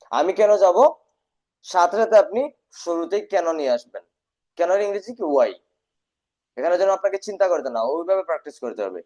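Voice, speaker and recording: A man's voice: sits high, darkish tone. A man teaching a live online English class, sternly drilling his students by having them repeat words. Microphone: video call. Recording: dull lo-fi online class audio.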